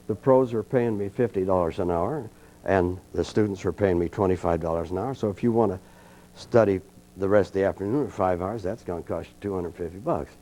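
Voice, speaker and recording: An older man teaching a college clinic, telling folksy stories and calmly guiding a group through a breathing exercise. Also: sits low, slight background noise. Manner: folksy, anecdotal, calm coaching. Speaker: trumpet teacher giving a clinic. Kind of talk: storytelling and leading a breathing exercise. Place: college clinic room with an audience. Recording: dull lo-fi archival recording.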